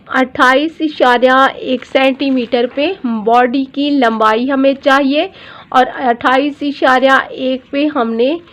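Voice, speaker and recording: In a high voice with a fairly bright tone, a woman who designs dresses walks viewers through pattern drafting step by step. She patiently repeats measurements and checks in often with "theek hai".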